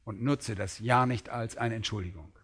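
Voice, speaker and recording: A man preaching a sermon on a parable, emphatic and rising sharply in pitch when he acts out quoted lines. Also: normal speed, fairly bright tone, husky.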